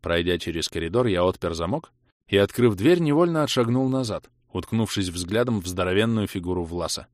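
A man narrating a first-person audiobook in an even, measured way. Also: low voice, dry recording, studio quality.

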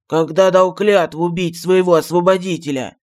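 A man voicing a pompous, excitable old male genie who served as a royal astrologer, grandiose and quick to take offense, in an audiobook. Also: on the high side, natural voice. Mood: grumbling. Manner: grandiose and touchy, flares up fast.

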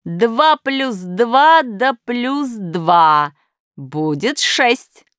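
A woman reading a storybook and voicing Plus, a quick-tempered but helpful male character who speaks in brisk exclamations. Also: fairly high pitch, sing-song, no echo, studio quality, pitched above the performer's own voice. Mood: counting.

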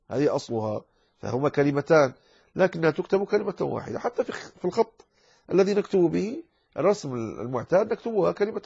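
A man's voice: on the high side, a little mellow, slightly rough. A man teaching Quran recitation rules in a lecture, explaining patiently and addressing his listeners as brothers. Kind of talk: classroom lecture explaining a verse text. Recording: dull lo-fi lecture recording.

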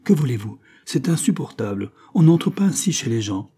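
Jeune femme fière et irritable, lue par un homme, voix un peu plus haute, voilée. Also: male voice, fairly low pitch, normal speed, warm tone, breathy edge. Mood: indignant. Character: young woman narrator, proud and irritable.

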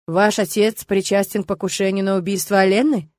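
A woman's voice: mid-range voice, fairly even intonation, a little fast, a little mellow, dry recording, studio quality, natural voice. A woman reading an audiobook, voicing an irritable male hunter who speaks in a mocking, spiteful way.

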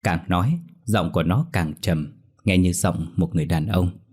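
Deep husky male ghost story narrator. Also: normal speed, darkish tone.

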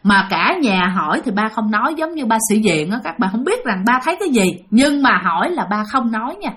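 Woman, ghost storyteller, animated quoting, hushed eerie asides. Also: fairly quick. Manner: lively, acts out family members' quoted voices; drops to a hushed low voice for eerie parts. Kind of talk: spoken ghost story retelling.

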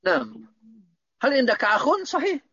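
A man's voice: very high-pitched, animated, normal speed, gravelly, bright, forceful tone, dry recording, highs cut off. A man teaching Arabic grammar in an online lesson, patiently explaining and checking that students understand.

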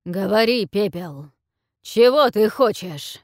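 A huge bronze dragon, a cruel male tyrant who roars his orders in a loud, booming, commanding voice, as a woman reader puts him on. The sound is dry and close, with no room around it. His words come slow and heavy. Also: animated, dry recording. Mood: mocking.

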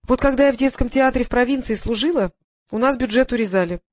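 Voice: mid-range voice, fast talker, no echo, clean studio sound, voice pushed up, lightly acted. An audiobook reader voicing a gossipy woman who complains about her old provincial theater. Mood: grumbling. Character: chatty grumbling woman, former provincial actress.

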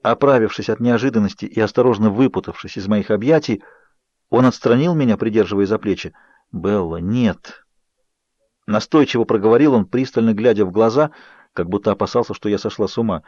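A man narrating an audiobook in an expressive, measured voice. The recording is dry, with a slightly dull, muffled tone. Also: lowish voice, no echo. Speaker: audiobook reader. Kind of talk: scripted narration.

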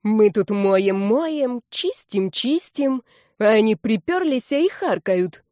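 Woman putting on a furious shouting old granny. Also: fairly high pitch, lively intonation, takes it slowly, no room sound, clean studio sound. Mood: furious scolding. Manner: shouting, scolding. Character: fierce old grandmother, furious shouting bass.

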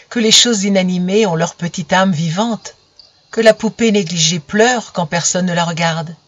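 A woman narrating a children's storybook gently, speaking directly to her young listeners, on a dull lo-fi recording. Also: medium pitch, no echo. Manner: gentle, intimate address to children.

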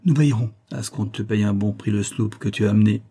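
A man voicing a stern, fatherly ship captain who speaks in a measured, grave manner in a read-aloud story. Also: fairly low pitch, dark tone, husky.

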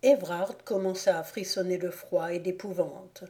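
A woman reading a classic novel aloud as a volunteer audiobook narrator, in a measured, unhurried manner. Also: lowish voice, fairly even intonation, dark tone.

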